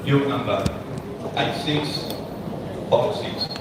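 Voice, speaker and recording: A man's voice: mid-range voice, slow pace. Distant echoey man checking bingo tickets. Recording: echoey, very noisy, far from mic.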